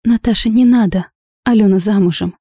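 Dasha, a tearful eighteen-year-old bride, as a woman narrator puts her on, pleading and frightened. The voice is mellow and close, with no room sound at all. It is a storybook reading. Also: mid-range voice, a little fast, husky, dry recording, pitched above the performer's own voice.

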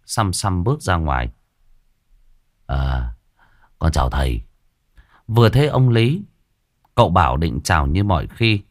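A man tells a ghost story in a deep voice, with dramatic storytelling and lively swings in pitch. The recording is close and dry. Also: no room sound.

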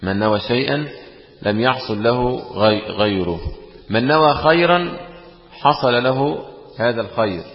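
A man's voice: mid-range voice, expressive, unhurried, pauses often. A man teaching a religious lesson, often asking the class questions and repeating phrases. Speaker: teacher explaining hadith. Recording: echoey room, dull lo-fi sound.

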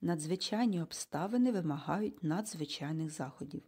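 A bossy, brisk mother figure from a storybook, as a woman reader puts her on. She talks in an emphatic, commanding, impatient way, with a mellow, slightly husky tone that swings widely in pitch. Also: lively intonation. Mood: forceful. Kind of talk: audiobook character reading.

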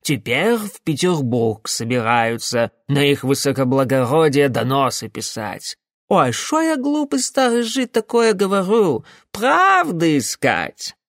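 A man's voice: fairly high pitch, big pitch swings, measured pace, a bit bright, dry recording, clean studio sound, heavily acted. A man doing a sly drawling old tailor. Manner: drawling, mocking.

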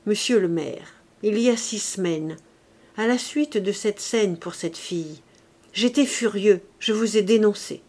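A woman's voice: mid-range voice, darkish tone, natural voice. Woman reading a stern, solemn police inspector. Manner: cold, sad, measured delivery.

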